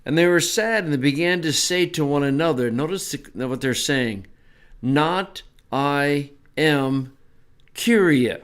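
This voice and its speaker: Man giving a relaxed Bible lesson. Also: a little high, normal speed, few pauses. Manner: relaxed, conversational teaching with small asides. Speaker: Bible teacher.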